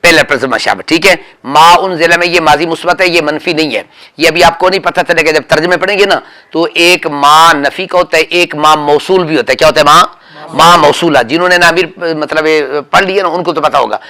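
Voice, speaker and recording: Fairly high-pitched and sharp, this man speaks fairly quickly. In a grammar lesson he drills the class, calling on students by name and firmly correcting them again and again.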